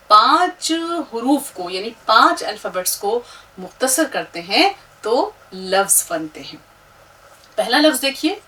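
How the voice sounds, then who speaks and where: Slow, patient woman teaching letters. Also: a little high, sharp tone, distant mic, poor audio. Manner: spells letters aloud slowly and patiently; addresses learners directly, asks them to repeat. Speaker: Urdu teacher. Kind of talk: slow spelling lesson.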